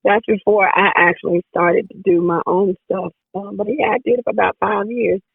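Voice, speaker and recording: A woman singer with a hoarse, raspy voice, chatting casually as an interview guest and laughing often. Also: mid-range voice, steady tone, moderate pace, dry recording. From Jackson, Tennessee area, US South. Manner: laughs often, repeats herself. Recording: dry phone-like line.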